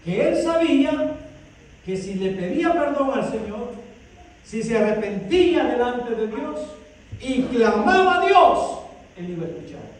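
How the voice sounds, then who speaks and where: A male pastor preaching a sermon with fervor, swinging between loud calls and soft asides. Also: very high-pitched, lively intonation, moderate pace. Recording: echoey hall, distant mic, faint noise.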